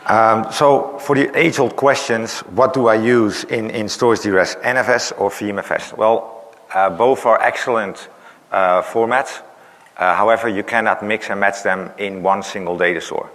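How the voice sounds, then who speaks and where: Giving a technical talk in a large, reverberant conference hall, a man on the low side of the pitch range speaks steadily at a moderate pace, his tone a bit bright. His voice is going, and his explanations are full of "uh"s and "right?" tags.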